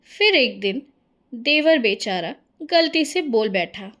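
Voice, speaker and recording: A woman's voice: fairly high pitch, expressive, slow, a bit bright. A woman narrating a cartoon story in a friendly storytelling manner.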